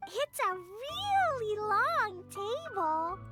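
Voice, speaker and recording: A woman voicing a tiny, childlike, bewildered fairy companion in a video game, with a squeaky delivery. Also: sing-song, extremely slow, full character voice. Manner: squeaky, bewildered, speaks of self in third person. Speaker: game character. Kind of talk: scripted video game voice acting. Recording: music behind the voice.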